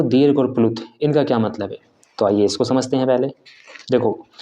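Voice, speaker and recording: A man's voice: mid-range voice, warm tone. A man giving a video lesson on Hindi and Sanskrit letters, asking himself questions and drawing out the sounds as he pronounces them. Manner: drawn-out, careful pronunciation of sounds; tags points with "theek hai". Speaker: teacher of Hindi and Sanskrit basics. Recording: slightly dull, lo-fi audio.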